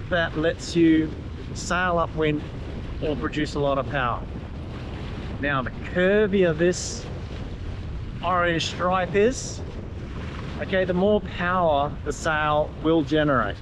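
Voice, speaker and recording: A man explaining sail trim in a casual, hands-on way while standing on the deck of a catamaran at sea, pointing things out as he goes. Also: sits high. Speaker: sailing instructor. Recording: loud wind noise on the mic outdoors.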